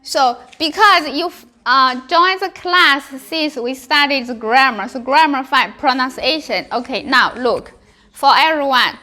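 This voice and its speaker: A high-pitched woman with a Chinese accent leads a language class. She speaks slowly and brightly, practicing tones by repeating short syllables and words, and encourages her learners as she goes.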